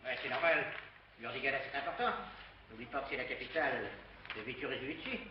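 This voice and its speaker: An actor playing Astérix, a small, clever male Gaul warrior, in a vintage radio play, talking lively and knowingly. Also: mid-range voice, fairly quick, close to an everyday voice. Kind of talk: 1960s radio play acting. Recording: muffled old tape, hissy, roomy and off-mic.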